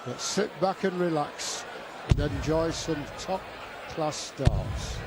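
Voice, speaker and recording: A man's voice: fairly high pitch, slow pace. A man giving informal, easy-going live commentary as a darts co-commentator. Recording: loud arena noise behind.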